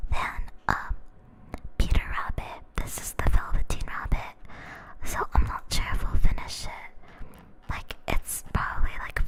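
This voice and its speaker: A young woman doing whispered ASMR storytime, chatting softly and giggling between remarks. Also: high voice, vocal fry, rough recording. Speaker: ASMR creator.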